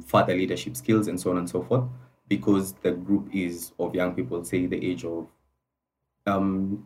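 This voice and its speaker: Male guest from Kenya, low and quite flat, polite measured conversation, distant mic. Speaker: podcast guest. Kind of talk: conversational interview answers.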